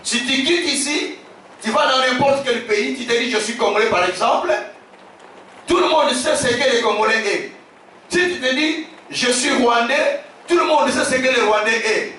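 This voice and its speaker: A man from Africa, a bishop preaching a sermon, emphatic, repeating his phrases and shouting key lines. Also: very high-pitched, normal speed, a little hiss or hum. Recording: very echoey hall, distant from the mic.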